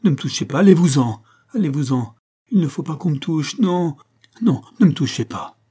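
A frantic, terrified young woman begs and cries out in a raised, strained voice, as a male narrator puts her on. The tone stays dark and a little husky under the pleading. It is read as a scene in an audiobook. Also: medium pitch, normal speed, voice pushed up, lightly acted.

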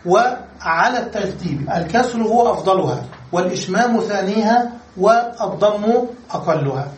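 A man gives a classroom grammar lecture, breaking each rule into steps and pausing to ask his students questions. His voice sits high. He is recorded from across an echoey room with faint ambient noise. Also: expressive, distant mic. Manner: explains step by step, asks the class questions. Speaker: Arabic grammar teacher.

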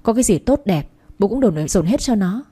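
A woman voicing a drunk, heartbroken young man who slurs his words and lashes out bitterly, with a husky, dark voice. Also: medium pitch, animated, a little fast. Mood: defiant. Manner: slurred bitter shouting.

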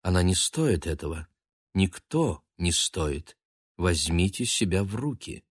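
A man reading an audiobook, voicing a calm refined lady who speaks quietly. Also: sits low, a little slow, husky, no echo, clean studio sound, full character voice.

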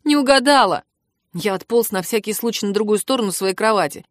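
A woman reading a fantasy novel aloud as audiobook narrator, with lively storytelling. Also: medium pitch, fast, dry recording, clean studio sound. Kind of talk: scripted narration.

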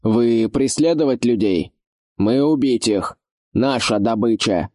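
A man voicing a menacing wild mountain orc who speaks slowly in halting, broken phrases, in an audiobook. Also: medium pitch, dark tone. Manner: slow, halting, broken grammar.

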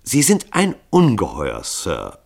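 A man's voice: medium pitch, big pitch swings, moderate pace. A man voicing a young woman who speaks earnestly and defiantly.

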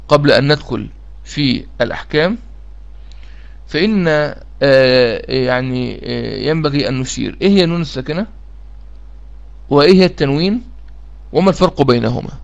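Egyptian man, teacher, gravelly voice, fairly high pitch, repeats phrases. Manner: repetitive, drills key phrases, asks listeners if they follow. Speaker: Quran recitation teacher. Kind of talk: explanatory lesson.

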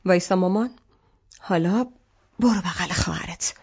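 A woman reading an audiobook, voicing a harsh, worn-out mother of a toddler in a scolding, shouting manner. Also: lowish voice, slightly rough, muffled recording. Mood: urging.

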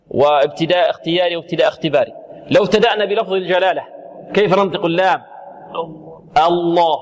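A man teaching Quran recitation to students, questioning them constantly and demonstrating pronunciation with slow, drawn-out examples. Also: fairly high pitch. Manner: questioning, drills students with repeated prompts. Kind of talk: tajweed lesson with students. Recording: long reverb, radio broadcast.

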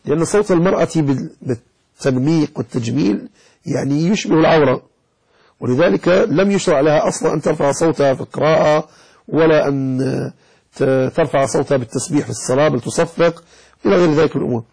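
A man's voice: on the high side, fast talker, creaky, a little mellow, husky, rough recording. A man, a sheikh teaching a religious lesson from a text. He scolds common mistakes and chants lines of the call to prayer to show right and wrong pronunciation. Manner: scolding, lecturing. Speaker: sheikh teaching Islamic jurisprudence.

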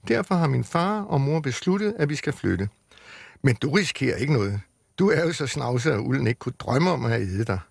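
A man's voice: medium pitch, big pitch swings, gravelly, slightly rough, dry recording, clean studio sound, heavily acted. A man reading aloud and voicing a prim little girl lamb who scolds haughtily. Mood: telling.

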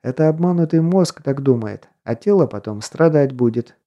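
Jokey, slangy miner buddy who likes to philosophize, darkish mellow voice; a male narrator does him. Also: medium pitch, expressive, normal speed, dull audio, pitched above the performer's own voice, lightly acted. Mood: reassuring. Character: easygoing joking male miner buddy, father of twins. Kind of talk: audiobook character voice.

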